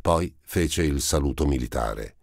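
Deep-voiced male audiobook narrator. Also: gravelly, no room sound, clean studio sound. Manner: steady, measured reading. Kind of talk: literary audiobook reading.

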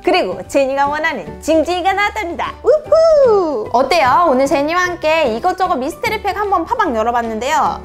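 A young woman with a high, bouncy voice hosts a toy unboxing for children. She calls herself by name, talks to the viewers as her friends, and sings out playful cries at every reveal. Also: expressive, fairly quick, hardly any pauses, faint music behind. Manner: sing-song reveal cries.

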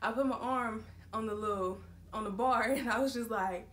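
21 yr old woman doing a storytime vlog, kinda high voice, laughs a lot, chatty and animated. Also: normal speed, a little hiss or hum. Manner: animated, laughing, addresses viewers as y'all. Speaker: vlogger.

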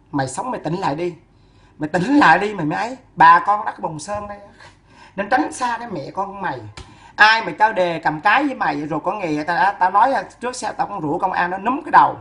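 A woman's voice: medium pitch, fairly bright tone. A woman scolding someone in a fierce, insulting, sing-song rant. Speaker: woman ranting at a neighbor. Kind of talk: ranting scolding monologue.

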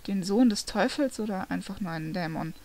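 A woman reading a fantasy novel aloud, narrating in the first person with steady, expressive storytelling. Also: medium pitch, brisk. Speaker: reader.

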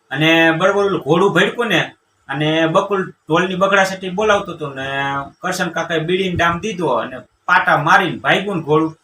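A man, telling a comic village tale in a folksy, animated way and acting out the people in it. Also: on the high side, a little hiss or hum. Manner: animated, acts out quoted villagers. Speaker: comedian telling jokes. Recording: roomy, distant mic with faint ambience.

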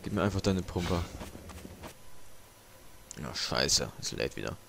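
A man's voice: low-pitched, very animated, unhurried, creaky, a little hiss or hum. A young man giving casual, frustrated commentary while he plays, swearing often. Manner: swears a lot, frustrated, rambling. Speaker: let's play gamer. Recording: gunfire from the game loud behind.

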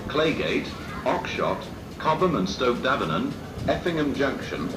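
A British man making formal train station announcements in a measured way, reading out station names like a list. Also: medium pitch, big pitch swings. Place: railway station platform, recorded from afar. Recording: distant echoing platform tannoy, loud train noise. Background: loud train and station noise.

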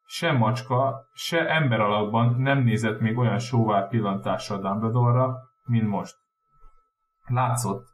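A native Hungarian-speaking man narrating an audiobook with steady storytelling. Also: lowish voice. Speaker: audiobook reader. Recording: roomy echo, faint hum.

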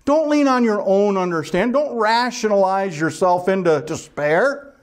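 A man's voice: sits high, expressive, normal speed. A man preaching a sermon as pastor, earnest and asking his listeners rhetorical questions.

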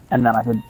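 A man's voice: mid-range voice, heavy background noise. A young man chatting casually with friends while gaming, joking and teasing and laughing often.

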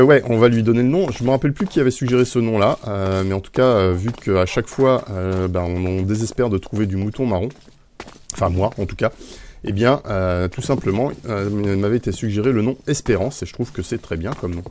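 A man's voice: on the low side, fairly quick, darkish tone, a little hiss or hum. A man casually commenting while playing a video game, rambling with many fillers and small chuckles. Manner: rambling, frequent "euh" fillers, chuckling asides. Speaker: Minecraft streamer.

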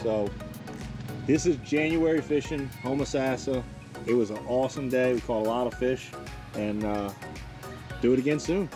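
A man's voice: medium pitch, moderate pace, long pauses, music in the background. Laid-back man talking fishing on a boat. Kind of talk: casual fishing chat. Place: small boat on open water, outdoors.

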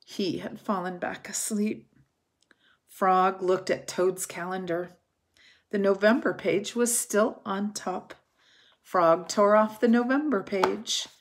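Brief: a woman teacher, slow and gentle, reading a picture book aloud at home for kids. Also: medium pitch, fairly even intonation. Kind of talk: children's storybook read-aloud. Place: home kitchen.

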